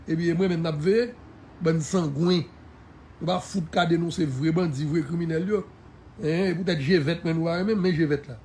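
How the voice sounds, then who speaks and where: A man with a Haitian accent holds forth in a live-stream monologue, defiant and emphatic, laughing often. His voice sits high and carries a gravelly fry. He drops French phrases into his talk. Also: a little mellow, a little hiss or hum.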